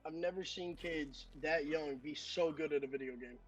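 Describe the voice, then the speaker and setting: A man's voice: on the high side, normal speed, muffled recording, faint music behind. A man talking casually as a guest on a podcast, an esports coach sharing his experience.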